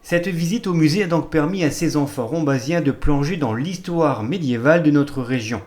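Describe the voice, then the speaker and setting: A man narrating a scripted local television news report with a lively, rising and falling delivery. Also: on the high side, normal speed. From Moselle, France.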